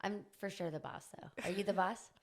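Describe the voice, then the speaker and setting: A woman's voice: medium pitch, fairly quick. A woman hosting a podcast in casual interview chat, bubbly and playful, laughing often. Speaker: podcast host.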